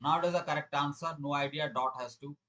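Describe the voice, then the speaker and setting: Higher-voiced Indian-accented man teaching. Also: fairly even intonation, quick pace, sharp tone. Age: middle-aged. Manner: repeats phrases for emphasis, questioning students. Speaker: programming teacher. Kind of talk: live online lesson, explaining quiz questions.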